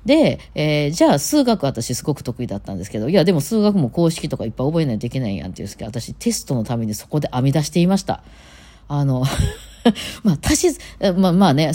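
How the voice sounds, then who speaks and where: A woman's voice: a bass voice, mellow. A woman musician with a Kansai accent, talking casually on her own show and rambling with lots of fillers. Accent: Kansai Japanese. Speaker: musician and podcast host. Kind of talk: casual solo talk.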